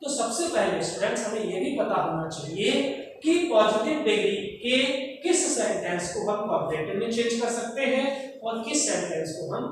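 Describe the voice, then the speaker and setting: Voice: medium pitch, animated, moderate pace. A teacher giving a classroom grammar lesson, explaining step by step, repeating the rules and quizzing the students. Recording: echoey room from far off, faint noise.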